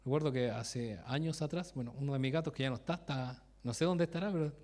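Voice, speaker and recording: A man's voice: mid-range voice, fast, a little mellow. A man giving a conversational sermon, often breaking off mid-sentence, asking his listeners direct questions and laughing at his own stories. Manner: asks the congregation direct questions. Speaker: preacher.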